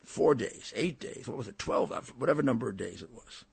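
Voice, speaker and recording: A man's voice: medium pitch, animated, moderate pace, vocal fry, darkish tone, breathy edge, dry recording. An older man hosting a political talk show, giving a blunt, combative commentary monologue with frequent stammered restarts.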